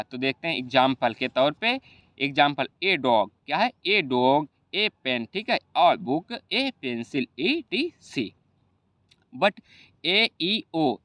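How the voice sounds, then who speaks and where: A man's voice: on the high side, fairly bright tone, no echo. A man with a Hindi accent teaching an exam revision lesson, often asking rhetorical questions and adding "okay, brother.". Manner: repeats rhetorical questions and "ठीक है भैया".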